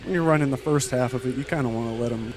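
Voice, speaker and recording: A man's voice: mid-range voice, rapid-fire. Breathless male driver at a noisy track. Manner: loose, easygoing, many fillers. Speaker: guest driver. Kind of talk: casual interview. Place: announcer booth at an indoor kart track. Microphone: headset.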